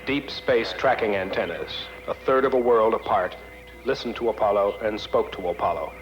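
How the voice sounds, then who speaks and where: A man's voice: lowish voice, normal speed. A man reading scripted narration for a documentary, on a muffled archival film soundtrack. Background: music.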